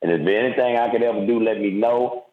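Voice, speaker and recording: Restaurant owner guy calling in, sincere and heartfelt, low-ish voice, tinny phone with echo. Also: quick pace. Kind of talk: casual podcast interview by phone. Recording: tinny echoey phone line.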